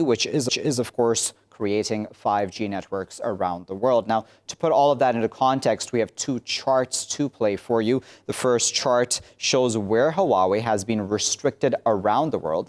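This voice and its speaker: Male news host, low-pitched, steering a panel, hesitant with fillers. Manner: hesitant, many fillers and restarts. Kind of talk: moderating a panel discussion.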